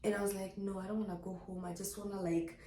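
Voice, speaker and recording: A young woman tells a story with lively energy, jumping up in pitch whenever she acts out what someone said. Her voice sits mid-range and rings in an echoey room. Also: quick pace. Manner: lively, acts out quoted dialogue with big pitch jumps. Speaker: vlogger telling her birth story. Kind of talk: animated storytelling to camera.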